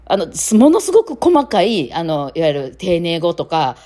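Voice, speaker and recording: A woman's voice: lowish voice, huge pitch swings, moderate pace, mellow. A woman with a Kitakawachi Kansai accent, hosting a casual solo chat in a rambling way full of fillers. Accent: Kansai, Kitakawachi dialect. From Kitakawachi area of Osaka, Japan. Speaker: podcast host.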